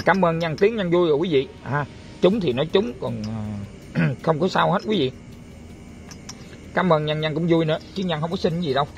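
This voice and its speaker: A man who hosts a spiritual channel, talking casually and often calling out to viewers, then chanting a prayer. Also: medium pitch. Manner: chatty, complaining, addresses viewers often.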